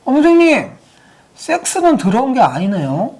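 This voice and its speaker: A woman voicing an eager young schoolgirl in a raised, childish, husky voice. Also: sits high, wildly swooping pitch, normal speed, a little mellow, pitched above the performer's own voice, heavily acted. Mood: relieved.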